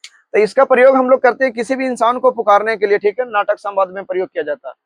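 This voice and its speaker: A man from Bihar teaching a grammar lesson. He keeps checking in with "ठीक है" and dictates notes slowly, one word at a time. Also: high voice, steady tone, no room sound. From Bihar, India.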